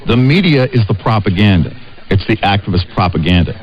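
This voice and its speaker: This American man, a co-host on a conversational political talk radio show, has a lowish voice and lively intonation. He talks emphatically, stopping and restarting haltingly and repeating short phrases, all in dull, band-limited radio sound.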